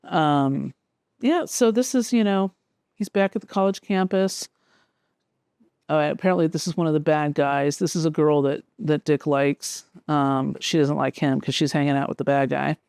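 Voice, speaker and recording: A woman's voice: sits low, moderate pace, darkish tone, clear, resonant tone, no echo, studio quality. A woman hosting a casual, rambling chat as a comic book collector, flipping through old issues with an amused tone.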